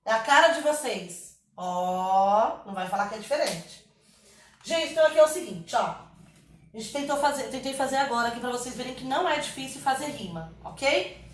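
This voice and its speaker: A Brazilian woman teacher giving a recorded lesson, patient and explanatory, checking in with her students often. Her voice sits a little high. It carries a roomy echo and sounds slightly distant from the microphone. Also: lively intonation, moderate pace, a little hiss or hum. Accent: Brazilian Portuguese. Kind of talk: online class lesson.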